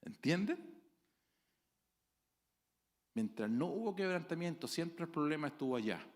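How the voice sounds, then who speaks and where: A man preaching a sermon as pastor, dramatic, with sudden loud exclamations and acted-out voices of his congregation. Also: a little high, big pitch swings, a little slow. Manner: acts out quoted voices of congregants.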